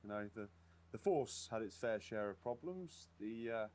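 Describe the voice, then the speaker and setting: An actor playing a meek, halting community policeman answering politely in a TV interview within a video game. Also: lowish voice, expressive, darkish tone, close to an everyday voice. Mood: nervous. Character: awkward, mild male community policeman.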